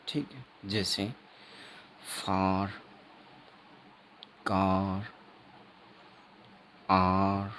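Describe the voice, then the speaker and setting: A man teaching an exam-prep phonetics lesson, explaining slowly and repeating himself, writing on a board as he talks, with Indian English words. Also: low-pitched, a bit bright, a little hiss or hum. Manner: slow, repetitive teaching with frequent checks; writes on a board while talking.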